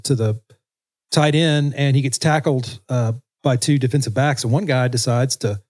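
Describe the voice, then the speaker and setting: A man's voice: medium pitch, a little mellow. A man co-hosting a casual podcast, rambling loosely with hesitations. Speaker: podcast co-host, musician.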